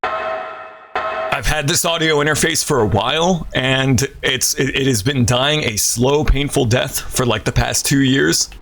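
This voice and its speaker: A man's voice: mid-range voice, unhurried, a bit bright. A man streaming a horror game, chatting casually and rambling with a slightly stuffy voice. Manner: rambling, self-deprecating chatter. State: stuffy from a cold. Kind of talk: casual gameplay commentary. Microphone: desk mic through an audio interface. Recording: static from a failing audio interface. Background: game music.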